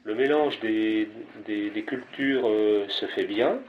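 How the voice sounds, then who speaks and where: A man with a lowish voice talks slowly as an interviewee, offering spontaneous comments about a chapel. He hesitates, using many fillers and restarts. The recording is muffled, with noisy background ambience.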